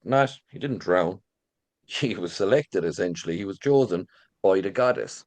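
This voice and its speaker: Irish man, middle-aged, deep voice, lilting informal storyteller delivery, very dry sound. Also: expressive, normal speed, darkish tone, no room sound. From rural Ireland. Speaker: visitor centre manager and local folklore storyteller.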